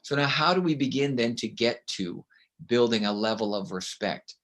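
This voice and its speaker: Being interviewed in a conversational way, this middle-aged Canadian guest author and consultant has a loud, mid-range, expressive voice. He tells stories emphatically and regularly caps his points with a quick "right?"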